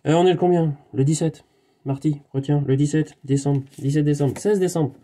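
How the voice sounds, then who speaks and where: Rambling, excitable man in a live monologue. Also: fairly high pitch, moderate pace. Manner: excitable, digressive, talks to himself, swears. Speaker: channel host.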